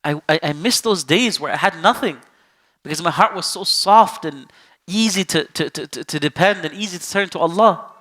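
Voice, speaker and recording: A male Islamic teacher with a fairly high, bright, forceful voice delivers a sermon-style lesson in a conversational tone. He keeps asking rhetorical questions. Now and then he acts out the people he quotes. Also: normal speed.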